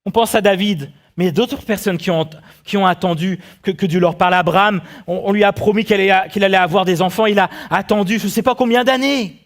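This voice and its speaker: A man preaching a sermon as pastor, animated and full of rhetorical questions to his congregation. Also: high-pitched, fast. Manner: acts out the quotes he tells.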